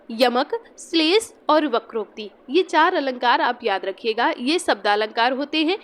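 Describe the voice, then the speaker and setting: A woman's voice: high-pitched, fairly bright tone. A young woman teaching a Hindi exam-prep lesson, patiently repeating key points and examples.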